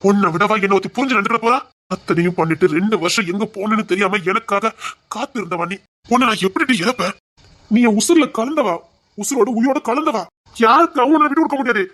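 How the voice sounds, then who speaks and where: A woman's voice: medium pitch, fairly bright tone, natural voice. A woman voicing a drunk, possessive young husband who slurs and insists.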